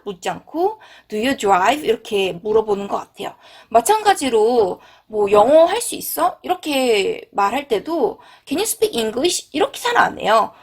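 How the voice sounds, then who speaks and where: A woman teaching an English lesson, repeating English phrases slowly and clearly. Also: fairly high pitch.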